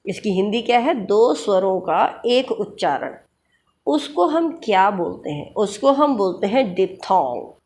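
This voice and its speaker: Give me a woman teacher, speaking slowly, who reads exam questions in English and explains them in Hindi. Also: medium pitch, big pitch swings, darkish tone. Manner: spells out terms letter by letter. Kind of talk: exam-prep lecture mixing Hindi and English.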